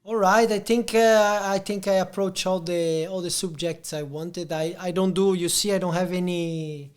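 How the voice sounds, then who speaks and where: A man's voice: high voice, steady tone, moderate pace. A Brazilian man with a Portuguese accent, hosting a casual interview and rambling through his questions with restarts. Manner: rambling, frequent restarts and fillers. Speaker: podcast host.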